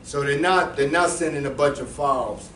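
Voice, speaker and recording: A presenter explains cryptocurrency to a small seated audience in a casual, slangy way, restarting often and throwing asides to the group. His voice is on the high side, fairly bright, and at normal speed, picked up from a distance in an echoey room with a faint hum.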